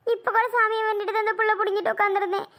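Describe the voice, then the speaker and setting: A woman's voice: extremely high pitch, little pitch movement, rapid-fire, a bit bright. A woman playing a worried older village mother in a family skit, talking in an emotional, pleading way. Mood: pleading, tearful. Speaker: mother-in-law.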